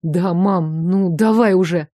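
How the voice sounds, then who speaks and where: A young man with a low, warm, soothing voice, put on by a woman narrator. He speaks calmly and patiently, as if settling an upset child. The sound is dry and close, like a storybook audiobook. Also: slow, no echo. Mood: impatient. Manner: calm, soothing.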